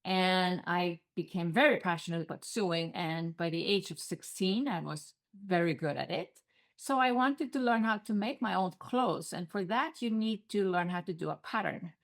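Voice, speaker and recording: A middle-aged woman with an Icelandic accent speaks at normal speed in a voice on the low side. She's a guest on a podcast interview, earnestly telling her story, with occasional non-native phrasing.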